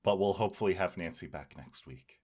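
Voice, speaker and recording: A man's voice: deep voice, a little fast, a little mellow. A man hosting a casual podcast, speaking in a playful, wordy, mock-dramatic way. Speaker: podcast host.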